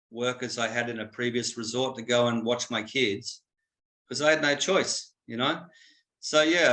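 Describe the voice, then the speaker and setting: A man's voice: medium pitch, pushed and bright. A man with an Australian accent talking bluntly and casually as a guest on a video-call interview, with plenty of "mate" and "you know".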